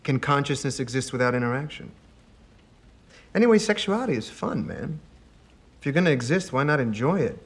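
A man's voice: medium pitch, animated, fairly quick, pauses often, breathy edge. An actor playing a brash, provocative male tech genius in a film scene. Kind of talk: film dialogue.

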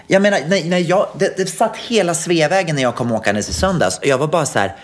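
A man co-hosting a casual chat, animated and indignant, quick to agree with his partner. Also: a little high. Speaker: podcast co-host.

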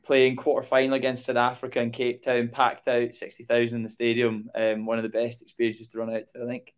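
Male, Scottish accent, flat delivery, mid pitch, casual sports interviewee. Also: fairly quick. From Ayr, Scotland. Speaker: rugby sevens captain, podcast guest.

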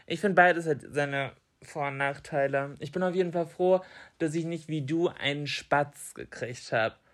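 Male podcast co-host, slightly higher-pitched, easygoing colloquial delivery in an informal conversation. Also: moderate pace, fairly bright tone. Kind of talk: casual chat.

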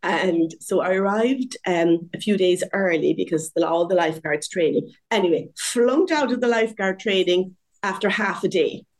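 A woman in her sixties, a guest telling her story in a lively, conversational interview, laughing often at herself. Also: fairly low pitch, moderate pace, few pauses. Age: 60s.

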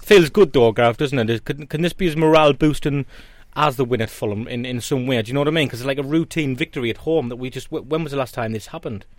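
A man's voice: mid-range voice, fast talker, few pauses, no room sound. A man hosting a football podcast in casual chat, with an informal, bantering manner.

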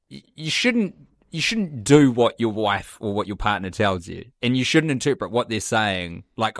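A man's voice: fairly low pitch, fairly bright tone, no room sound, clean studio sound. A man co-hosting a podcast in casual chat, blunt and exasperated with a sardonic edge. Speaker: podcast co-host.

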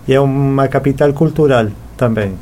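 Speaking at normal speed with a mellow mid-range voice, a middle-aged Argentine man from Buenos Aires is interviewed as an artist and sculptor. He's a native Spanish speaker with an Argentine accent, and there's slight background noise.

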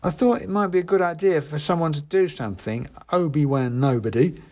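A man's voice: a little high, a little fast, a little mellow, voice pushed up, natural voice. A man voicing a sulky, indignant red-haired boy in a raised, petulant voice while reading an audiobook. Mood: eager.

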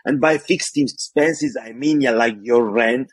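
On an interview podcast, an Armenian guest working as a financial coach explains money matters carefully, with an Armenian accent and occasional non-native phrasing. His voice is mid-range, husky and a little slow, in a dry recording.

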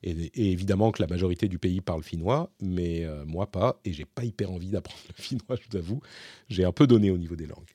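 Speaking fast in a low, dark, husky voice, a male host rambles through a casual question-and-answer monologue full of fillers and false starts. The sound is clean studio audio with no echo.

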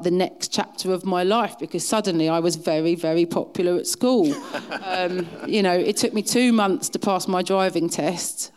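A woman's voice: on the low side, darkish tone. A middle-aged woman with an Essex accent telling anecdotes in a chatty, self-deprecating way as an interview guest. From south-east England. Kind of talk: casual anecdotal chat.

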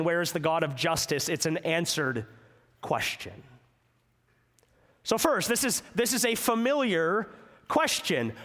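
A male pastor preaches slowly and deliberately, leaning on rhetorical questions. His voice sits high and swings widely in pitch. The sound carries the long reverb of a church sanctuary. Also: fairly bright tone. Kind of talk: sermon.

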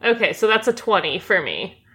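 A woman's voice: mid-range voice, very animated, normal speed, fairly bright tone, husky. A woman playing a tabletop game, chatting in a playful, talkative way. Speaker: player. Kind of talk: casual tabletop play.

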